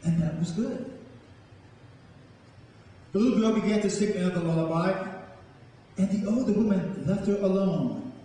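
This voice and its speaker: Speaking to a live audience in a big reverberant room, a man reads poetry and tells stories with deliberate drama. The spoken word artist's voice is high and mellow, recorded from afar with slight noise.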